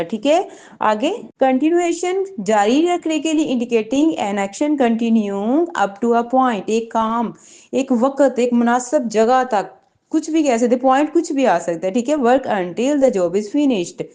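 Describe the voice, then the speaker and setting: A woman's voice: on the high side, a little mellow. A woman teaching English vocabulary in an online lesson, patiently repeating words and checking that listeners follow.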